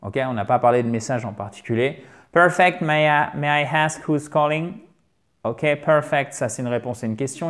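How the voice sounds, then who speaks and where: A man teaching English phone phrases in a video lesson, lively, drilling the same phrases over and over slowly. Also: mid-range voice.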